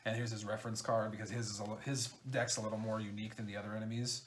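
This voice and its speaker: A game designer chatting excitedly through an unboxing, halting often with fillers. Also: male voice, lowish voice, a little hiss or hum. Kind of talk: casual unboxing chat.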